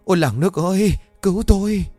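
This is a jittery old village woman in a spoken horror story, voiced by a male narrator. Her voice jumps up high and shrill, and she stammers when scared and snaps when crossed. The recording is dry and close, with faint music underneath. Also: lively intonation, fast talker, darkish tone, no room sound. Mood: terrified. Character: frightened village grandmother, sharp-tongued.

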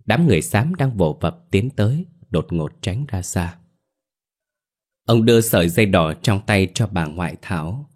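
A man narrating a dramatic story in a steady, measured reading. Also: sits low. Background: faint music.

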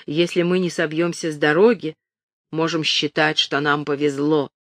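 A man's voice: on the high side, little pitch movement, normal speed, no room sound, clean studio sound, close to an everyday voice. A woman voicing a sour young man who curses under his breath. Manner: sour, cursing. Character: grumbling young man riding in fog.

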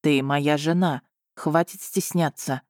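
A woman voicing a brooding, suspicious young male duke who speaks in a curt, slow, menacing way. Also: low-pitched, fairly even intonation, no room sound, studio quality. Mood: possessive. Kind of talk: audiobook character reading.

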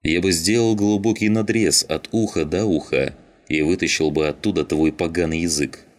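A man voicing a bearded military sailor who threatens in a calm, cold tone. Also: sits low, normal speed, lightly acted. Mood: menacing. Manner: calm, menacing.

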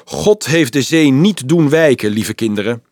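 A man voicing an unctuous, scheming older cleric who speaks smoothly and loudly enough to carry. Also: mid-range voice, animated, measured pace, no echo, studio quality.

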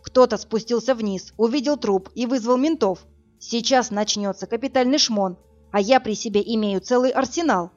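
A woman voicing a cocky, brusque burly man who talks in a hurried, mocking way. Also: fairly high pitch, lightly acted. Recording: dull lo-fi audio, faint music.

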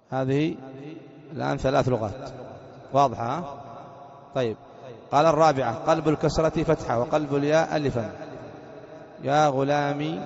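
Sheikh teaching grammar in an echoing hall. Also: male voice, a little high, creaky, darkish tone, highs cut off. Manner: explains step by step, quizzes students with "what?" questions. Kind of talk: classroom grammar lesson.

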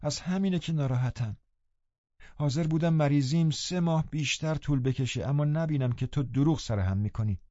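A worried housekeeper woman, tender but reproachful, as a male reader puts her on in a storybook. The voice is lifted higher and softer than his own, with a mellow, dry, slightly dull sound. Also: no echo, lightly acted. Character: worried older housekeeper woman, gently scolding.

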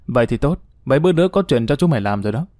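This is a jovial young hero in a spoken storybook, calm and persuasive, taking the lead. He is voiced by the male narrator close to his own tone. The recording is dry and close-miked. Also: medium pitch, very fast, no room sound, close to an everyday voice. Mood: assured. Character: confident young man, calm leader, jovial.

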